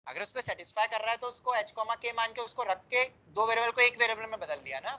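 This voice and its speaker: A man's voice: sits high, expressive, quick pace, pushed and bright, low-quality recording. A man teaching maths in a classroom, explaining patiently in Hindi mixed with English terms and calling his students "beta". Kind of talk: classroom lecture.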